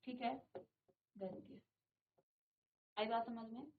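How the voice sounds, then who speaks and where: A woman teaching a class, slowly sounding out syllables aloud for her pupils to repeat. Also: fairly high pitch, steady tone, narrow, tinny audio. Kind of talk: classroom lesson. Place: studio virtual classroom.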